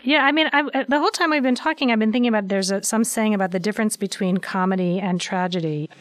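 A woman in casual conversation who tells a joke in a quick, chatty, self-deprecating way. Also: medium pitch, a little hiss or hum.

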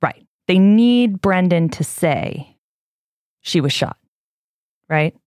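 A middle-aged woman hosting a podcast, retelling a case in casual chat. She gets animated and heated and swears often. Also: lowish voice, slow, no echo, studio quality. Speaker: podcast host.

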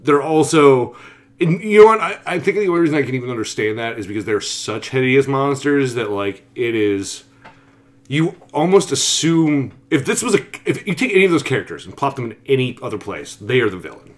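Guy gushing and rambling in a casual chat, tons of likes and ums, middle pitch. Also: expressive, a little fast. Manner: enthusiastic, rambling with many fillers.

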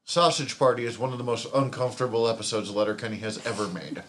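A man's voice: medium pitch, quick pace, a bit bright. Male podcast co-host, loose casual delivery, frequent swearing, faint noise floor. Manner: loose, swears freely, rambling. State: hiccups from eating. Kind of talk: casual chat.

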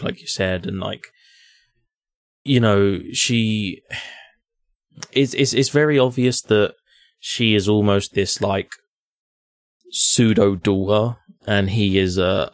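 A man with a low voice chats casually as a co-host. He is hesitant, often restarting and repeating words as he thinks aloud. He is recorded dry and close. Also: slow pace, pauses often, dry recording. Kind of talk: casual chat about a video game.

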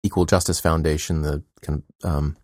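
Man, podcast co-host, casual chat, laid-back, joking, deep voice. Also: brisk, dry recording, studio quality. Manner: relaxed, jokey.

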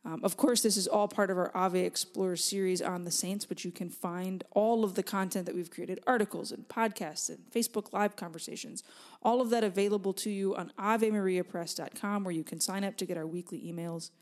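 A woman's voice: mid-range voice, fairly even intonation, a little fast. A woman hosting a podcast, introducing her guest and asking questions in an upbeat, conversational way. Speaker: podcast host.

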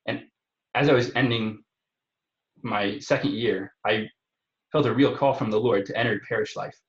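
A man with a fairly low voice speaks as a podcast guest in a personal, conversational style. He halts and repeats words as he goes. The sound is roomy and a little dull. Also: normal speed. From Omaha area, Nebraska. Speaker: podcast guest, parish evangelization coordinator.

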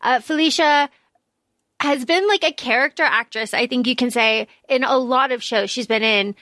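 A woman's voice: sits high, normal speed, pushed and bright, no echo, clean studio sound. A woman hosting a casual book and fandom podcast, speaking in an emphatic, playful way. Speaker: podcast host.

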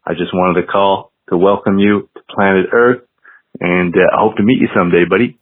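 A man's voice: low voice, fairly even intonation, fairly quick. A man from Newfoundland, Canada, leaving an easygoing, casual voicemail message over a landline phone. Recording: tinny phone-line voicemail.

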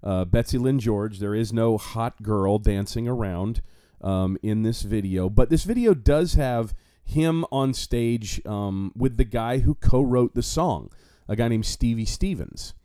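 A man with a low, warm voice co-hosts a casual chat, often restarting his sentences and trading sarcastic jokes. The recording is close and dry. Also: measured pace, hardly any pauses, smooth, dry recording. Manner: animated, stammering restarts, sarcastic. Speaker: podcast co-host.

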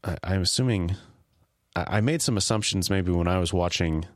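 Man, very low voice, dry close sound, casual podcast co-host, halting recap. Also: no room sound. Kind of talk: casual discussion, recapping a TV episode.

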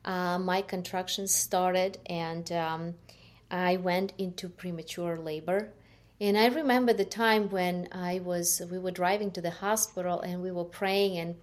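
A middle-aged Ukrainian woman with a Ukrainian accent and a lowish voice gives her personal testimony as a guest, speaking slowly, haltingly, and softly.

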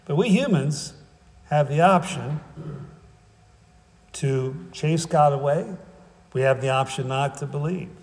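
A man's voice: fairly high pitch, takes it slowly, pauses often, a little mellow, big-room sound. A man preaching a sermon in a casual, conversational way, with wry humor, often checking in with "right?" and "okay?".

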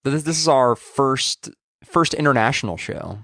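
A man co-hosting a casual podcast, talking in a halting way with pauses and restarts. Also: medium pitch, animated, a bit bright, dry recording, clean studio sound. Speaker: podcast co-host.

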